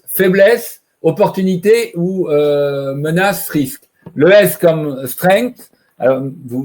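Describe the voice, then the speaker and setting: A man's voice: on the high side, darkish tone. A man presenting an online training webinar, talking over a computer mic and explaining by asking himself questions. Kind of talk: live online training talk.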